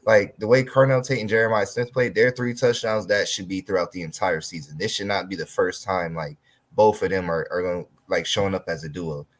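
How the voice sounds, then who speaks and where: A man co-hosting a casual college football talk show, talking in a halting way with frequent restarts. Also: deep voice, fairly even intonation. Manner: halting, stumbles and restarts often. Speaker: sports podcast co-host.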